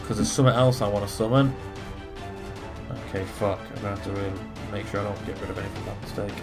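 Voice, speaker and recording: A gaming video host gives fast, casual let's play commentary in a lowish voice with fairly even intonation, swearing freely and thinking his moves through aloud. Video game music plays behind him.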